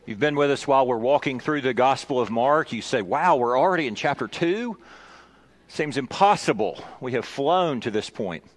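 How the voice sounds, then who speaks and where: A middle-aged pastor delivering a Sunday sermon in an earnest, measured voice. His pitch sits in the ordinary middle range for a man, and he stops and restarts phrases as he thinks aloud. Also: animated.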